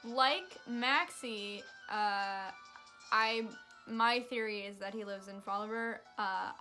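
A young woman chats through her playthrough of a video game, throwing in sarcastic quips. Her voice is high and bright and ready to giggle. Faint game music runs behind her. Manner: chatty, sarcastic, giggly asides. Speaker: let's play streamer. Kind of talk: casual game commentary.

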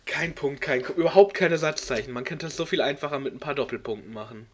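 A man hosting a comedic read-along, reading a clumsy fan story aloud and mocking it with exasperated jokes, sometimes squeaking into high voices for characters. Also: quick pace, a bit bright. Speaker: video host.

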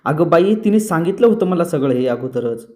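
A man's voice: on the high side, animated, moderate pace, a little mellow, voice pushed up, close to an everyday voice. A man reading the lines of a spirited young woman defending her sister. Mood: defiant. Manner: defiant, retorting.

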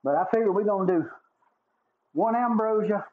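A man's voice: high-pitched, moderate pace. A man with a Southern accent casually chatting on a livestream while he builds a guitar, folksy and thankful toward his viewers. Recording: tinny phone-like sound with faint noise.

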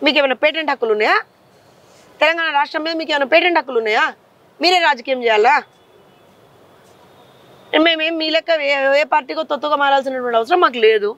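Her voice high and somewhat bright, a woman who leads a party speaks with a Telangana Telugu accent, firing off rapid rhetorical questions in a fiery, combative interview. The recording has no room sound, and its highs are cut off.

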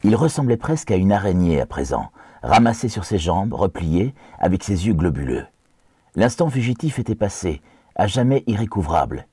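A man with a Belgian French accent giving a measured, dramatic literary reading. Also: deep voice, very animated, mellow, husky, no echo, studio quality. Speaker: audiobook narrator.

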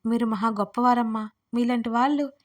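A woman's voice: on the high side, lightly acted. A woman doing a fawning, overdramatic maid. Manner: drawn-out, wheedling flattery. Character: scheming female house servant, fawning, overdramatic.

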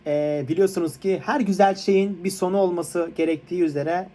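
A man's voice: sits high, steady tone, fairly quick, mellow. A man hosting a reaction video, laughing, cooing and pleading at the funny clips he watches. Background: music from the clips.

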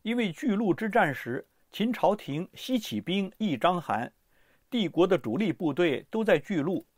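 A man narrates a history audiobook with lively, expressive storytelling. His voice is high and swings widely in pitch. The recording is dry and close, with no room sound. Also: moderate pace, no echo.

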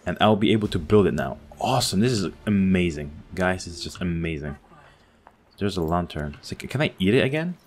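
A man with a notably low-pitched voice talks through a video game in a casual let's-play style. He is excitable and chatty, thinking out loud as he explores. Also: a little fast, slight background noise. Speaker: gaming channel host.

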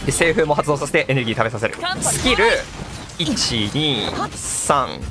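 A man doing excitable live gameplay commentary as a streamer. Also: medium pitch, normal speed. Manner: excitable, exclaiming, echoes game lines. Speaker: gaming streamer. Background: game music and sound effects.

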